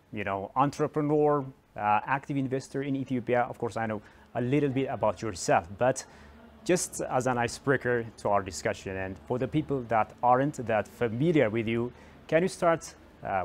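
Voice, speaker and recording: A man's voice: medium pitch, a little hiss or hum. A man hosting a televised interview show, asking long questions with many fillers and restarts. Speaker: TV talk show host. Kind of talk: broadcast interview.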